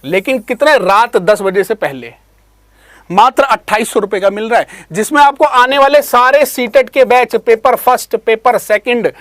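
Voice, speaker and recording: A man who teaches exam prep online, addressing students fondly and repeating himself while pitching a course. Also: moderate pace, fairly bright tone, no room sound. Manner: repetitive, calls listeners "beta", pushy sales pitch. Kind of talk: promotional talk to students.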